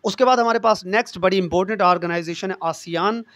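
A man's voice: high voice, fast, fairly bright tone, no echo. A man with a Pakistani Urdu accent giving a casual exam-prep lecture, talking straight to his students and handing them memory tricks. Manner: chatty, addresses students directly, memory tricks. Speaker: teacher for competitive exams.

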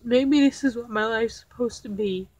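A woman vlogger speaking to her viewers from home in a slow, halting way, close to tears. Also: on the high side, creaky, dry recording. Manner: slow, halting, soft-spoken. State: tearful, holding back crying. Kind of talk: emotional personal confession to viewers.

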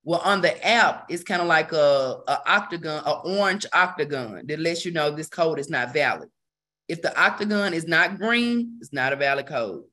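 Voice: mid-range voice, expressive, normal speed, bright, forceful tone. A medical coding instructor teaching a casual live session, talking conversationally to the class, repeating key terms for emphasis and adding chatty asides.

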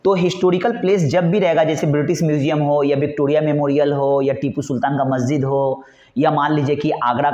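A man teaches an exam-prep grammar lesson in a fairly high voice. He coaxes students along, asks questions and answers them himself, repeating every point. The sound is echoey and dull, like a lo-fi recording in a bare room. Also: darkish tone. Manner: repetitive, coaxing, asks and answers own questions.

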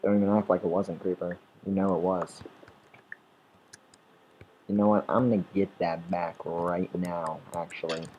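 This is a man with a deep voice doing let's-play commentary into his desk mic. He wanders between thoughts, swears freely and talks back to the game's creatures. Faint noise sits underneath. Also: level tone, a little slow, pauses often, a little mellow, rough recording. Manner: rambling, swearing, talks at game mobs, restarts sentences. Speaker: gameplay commentator. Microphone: desktop or headset mic.

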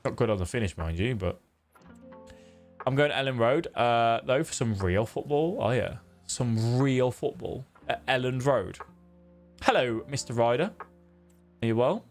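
A young man chats on a live stream, friendly and loose, greeting viewers one after another as he plays. His voice sits at an ordinary middle pitch, with faint music playing under it. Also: animated, a little slow. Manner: chatty, greets viewers by name. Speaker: gaming streamer. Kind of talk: casual live-stream chat.

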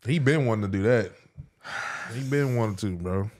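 A man's voice: lowish voice, normal speed, a little mellow. A young American man chatting casually as co-host, commenting on gaming clips. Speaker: reaction show co-host.

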